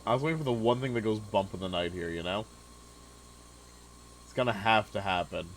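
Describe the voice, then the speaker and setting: A young man casually commenting on a game he is playing, relaxed and chatty, with many filler words. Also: fairly low pitch, fairly quick, slight background noise, rough recording. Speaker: gaming video host. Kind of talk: casual let's-play commentary.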